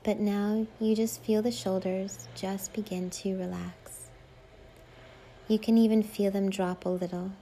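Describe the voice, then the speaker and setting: A woman's voice: medium pitch, little pitch movement, a little slow, mellow, a little hiss or hum, rough recording. A woman leading a guided meditation in a soothing, hypnotic way, with lulling, repetitive phrasing. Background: faint music.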